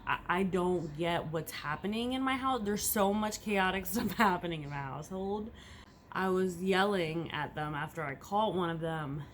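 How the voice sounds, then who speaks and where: Young mom rambling to camera at home, lowish voice, faint hiss behind. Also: female voice, moderate pace. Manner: candid, rambling, swings between hushed and loud. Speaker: vlogger, first-time mom. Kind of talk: casual confessional vlog.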